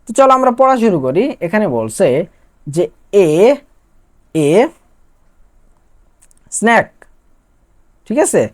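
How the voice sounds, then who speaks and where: A woman's voice: medium pitch, slow, long pauses. A young woman from Bangladesh teaching an online class, asking questions and answering them herself. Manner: lively, asks and answers own questions.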